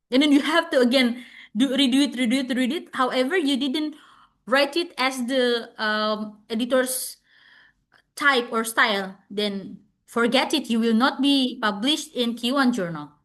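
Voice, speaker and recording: A woman's voice: a little high, a little slow, fairly bright tone. A woman from Indonesia with an Indonesian accent, a non-native English speaker giving an online lecture, explaining step by step and often repeating and restarting her words. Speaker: webinar speaker.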